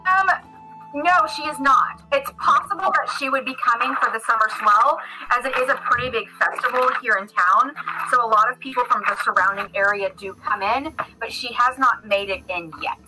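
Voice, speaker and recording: A woman's voice: a little high, moderate pace, over music, poor audio. A woman narrating a tabletop game as game master, casual, with lots of fillers. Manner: casual, many fillers and restarts.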